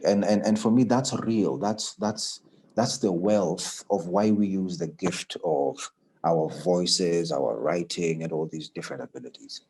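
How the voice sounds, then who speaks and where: Deep-voiced man telling radio stories. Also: unhurried. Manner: animated storyteller, acts out quoted voices higher and louder; repeats words when starting sentences. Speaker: radio announcer, interview guest. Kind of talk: casual storytelling interview.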